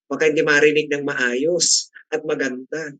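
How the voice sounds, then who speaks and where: A man's voice: on the high side, little pitch movement, moderate pace, a bit bright, dry recording, low-quality recording. A middle-aged man leading a casual class discussion, chatty and teasing, often asking the group questions. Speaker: class facilitator.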